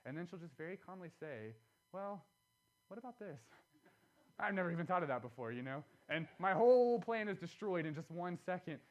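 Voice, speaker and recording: A man preaching a sermon in a church, conversational and earnest, with animated asides. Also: fairly high pitch, fast talker, hardly any pauses. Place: church sanctuary.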